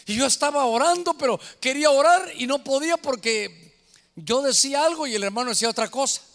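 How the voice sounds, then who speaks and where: A man, a pastor preaching a sermon, telling a story and acting out the voices and shouts of others. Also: very high voice, fairly quick. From Guatemala. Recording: echoey hall reverb.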